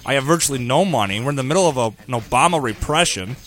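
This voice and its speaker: A man's voice: mid-range voice, expressive, fast, fairly bright tone. A man hosting a talk radio show, ranting in a sarcastic, opinionated way.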